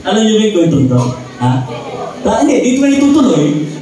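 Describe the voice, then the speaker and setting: Pastor preaching in an echoey church. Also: male voice, sits high, very animated, fast, crowd noise. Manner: keeps checking in with the congregation. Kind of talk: sermon with a humorous story. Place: church sanctuary. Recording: echoey church, voice picked up from a distance.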